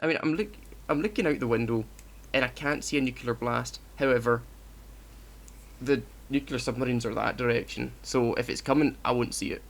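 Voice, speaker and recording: Male co-host, gravelly tone, easygoing banter. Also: mid-range voice. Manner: jokey, quick asides, mock accents. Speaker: podcast co-host. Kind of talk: casual chat.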